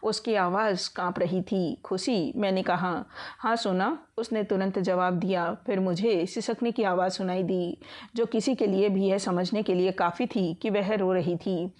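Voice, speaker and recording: A woman narrating a romance novel as an audiobook. Her storytelling is steady and emotive. Her pitch sits in an ordinary middle range. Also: moderate pace.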